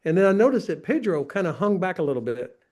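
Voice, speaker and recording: A man's voice: sits high, big pitch swings, fast, a little mellow. A man in his sixties, a retired army general, telling a self-mocking story on a video panel. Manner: self-mocking, laughing at himself. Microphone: video call.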